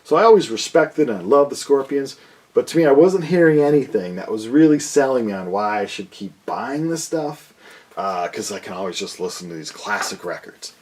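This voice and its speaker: A man's voice: mid-range voice, animated, normal speed, a little mellow. Man, 50s, easygoing rock-fan reviewer, meandering delivery, frequent ums and uhs. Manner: rambling, filler-heavy, enthusiastic fan talk. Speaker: music reviewer. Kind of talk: casual record review.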